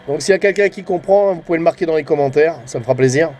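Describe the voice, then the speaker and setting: This amateur CB radio enthusiast and channel host has a fairly high, darkish voice and races along. His vlog commentary is loose and rambling, full of hesitations and sentences that fade out into little tag words.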